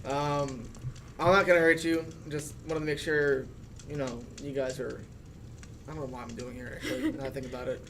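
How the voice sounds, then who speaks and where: A man's voice: on the high side, fairly even intonation, fairly quick, fairly bright tone, a little hiss or hum. A man playing a tabletop game, speaking in character in a sarcastic way, with frequent swearing. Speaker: player. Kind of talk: casual tabletop role-play.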